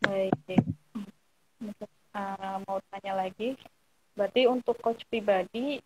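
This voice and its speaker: A woman's voice: medium pitch, fairly even intonation, slow pace, slight background noise, rough recording. A woman with a middle-range voice moderates an online talk. She puts questions politely and calls the guest by his title. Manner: polite, addresses the guest as "Coach". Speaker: host, moderator. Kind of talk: interview questions.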